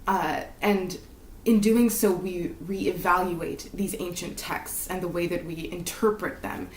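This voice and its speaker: A woman's voice: fairly low pitch, steady tone, unhurried, a little hiss or hum. A woman talking earnestly about staging and movement in a casual interview, with nervous giggles. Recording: echoey room, a bit far from the mic.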